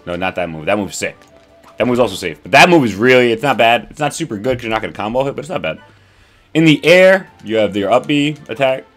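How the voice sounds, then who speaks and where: A man's voice: mid-range voice, animated, fast, soft background music. Laid-back young man hyping game moves. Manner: enthusiastic, rambling, laid-back slang. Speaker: gaming channel host. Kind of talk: casual game tutorial commentary.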